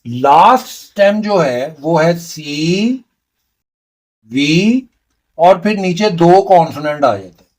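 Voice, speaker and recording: A man's voice: fairly high pitch, lively intonation, slow pace, darkish tone. A man teaching a beginner language lesson, patiently repeating each sound step by step. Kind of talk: slow explanatory lesson.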